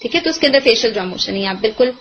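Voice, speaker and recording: A woman teaching tajweed in a high, clear-pitched voice, mixing English terms into her explanations. She patiently demonstrates the recited words again and again. The recording sounds a little dull and lo-fi. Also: lively intonation. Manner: mixes Urdu with English terms. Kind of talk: online tajweed lesson.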